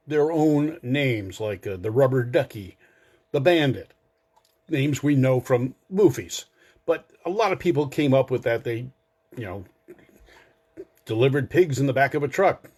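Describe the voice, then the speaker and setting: An older man with a mid-range, slightly mellow voice hosts a car enthusiast show. In a casual, informative monologue to a live online audience, he explains things in a folksy way and drops in wry asides.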